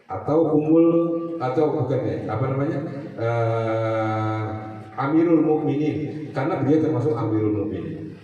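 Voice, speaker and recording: A man leads an evening study class, chatty and joking, dropping Arabic terms into street slang. His voice sounds distant in a very echoey room, with clear background hum. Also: medium pitch, moderate pace, dark tone, dull audio. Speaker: religious teacher. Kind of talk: casual religious study class. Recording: echoey room, far from the mic, noisy.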